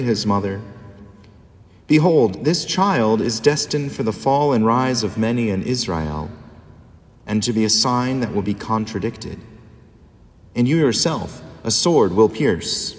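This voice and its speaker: A man, a priest, reading the Gospel and preaching a homily in a measured, solemn liturgical manner, his voice ringing with cathedral echo. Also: mid-range voice. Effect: cathedral echo, long church reverb. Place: large church. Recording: long reverb in a large church.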